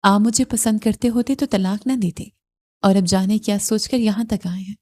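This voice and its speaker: A woman voicing a stubborn, hurt young wife in an audio novel who answers with sharp, reproachful retorts. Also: mid-range voice, fairly even intonation, close to an everyday voice.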